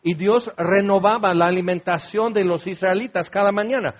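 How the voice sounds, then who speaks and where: A male preacher with a high voice who talks through his sermon casually and drops joking asides to the listener. The recording is dull and lo-fi, with the top end muffled. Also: moderate pace.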